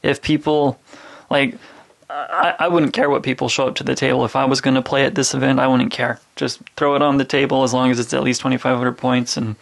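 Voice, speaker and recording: A man's voice: mid-range voice, level tone, brisk, gravelly. A laid-back man co-hosting a gaming podcast and promoting an event he organizes. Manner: laid-back, laughs often. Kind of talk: casual podcast chat.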